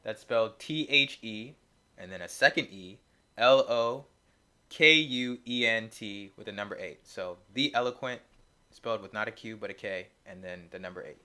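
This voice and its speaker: Laid-back young man, bright voice. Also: on the low side, moderate pace. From Bay Area, US. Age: 20s. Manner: relaxed, laid-back, slangy. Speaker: guest poet and actor. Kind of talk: casual interview chat.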